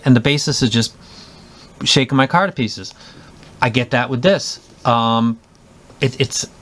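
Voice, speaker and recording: A man's voice: mid-range voice, fairly bright tone. A man giving a casual spoken headphone review, enthusiastic and rambling, with many restarts and fillers.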